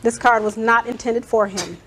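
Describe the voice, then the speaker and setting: A woman's voice: a little high, moderate pace, a bit bright, a little hiss or hum. A woman defendant on a TV courtroom show, answering in curt, defensive replies.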